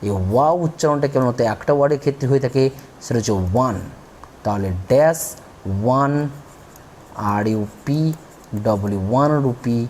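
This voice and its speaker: A man's voice: medium pitch, darkish tone, a little hiss or hum. A man teaching a grammar lesson, spelling out words letter by letter and explaining patiently. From India.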